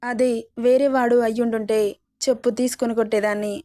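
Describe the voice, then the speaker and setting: A woman's voice: on the high side, fairly even intonation, a little fast, dark tone, no room sound, clean studio sound, natural voice. A tearful pleading young wife, read by a woman. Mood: hurt pleading.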